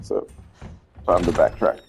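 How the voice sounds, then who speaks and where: A man's voice: measured pace, a little mellow. A man giving casual, wry commentary while playing a horror game, with some swearing. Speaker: gameplay streamer. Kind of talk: casual let's-play commentary.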